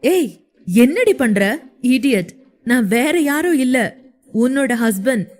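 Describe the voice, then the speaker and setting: A woman's voice: sits high, very animated, slow, a little mellow, heavily acted. A woman voicing a young husband in an audio story, who teases and pleads with his wife and turns stern when pushed. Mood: teasing.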